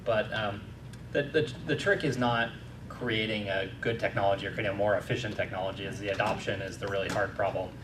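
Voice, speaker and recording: A man explaining his view as a conference panelist, measured with hesitant fillers. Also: lowish voice, steady tone. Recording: distant echoey hall with noise.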